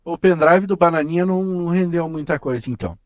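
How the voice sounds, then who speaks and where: A man with a Brazilian accent and a slightly high voice rants on a podcast. His delivery is theatrical and indignant and full of stammered restarts. The recording is dry, with no room sound. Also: fast, dry recording. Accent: Brazilian Portuguese. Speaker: podcast co-host. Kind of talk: casual comedic chat.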